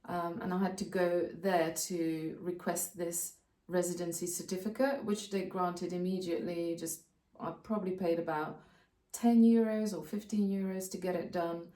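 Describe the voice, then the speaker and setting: Woman, low voice, roomy. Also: fairly even intonation, moderate pace, dark tone, far from the mic. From Slovakia. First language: Slovak. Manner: practical, step-by-step explaining with frequent hesitations. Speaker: co-host of a channel about moving abroad. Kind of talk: casual explanatory vlog talk. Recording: roomy sound, voice off-mic.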